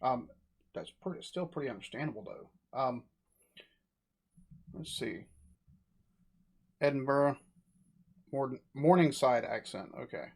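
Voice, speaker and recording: A man's voice: mid-range voice, animated, takes it slowly, gravelly, pauses often, husky. An American man giving casual, off-the-cuff reaction commentary as a host. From United States. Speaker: host reacting to accent recordings.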